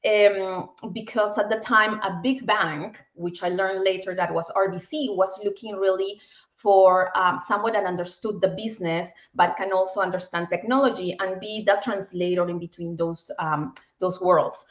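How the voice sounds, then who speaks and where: This Peruvian guest, a bank tech executive in her forties, talks upbeat in a casual video interview with a Peruvian Spanish accent, frequently repeating words while searching for them. Her mid-range voice has fairly even intonation and normal speed, captured in an echoey room with lo-fi sound.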